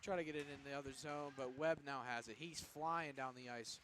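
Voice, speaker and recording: A young man calls hockey play-by-play for a student broadcast, keeping things upbeat and jokey. His medium-pitched voice is steady, brisk and a bit bright, with slight background noise in the recording.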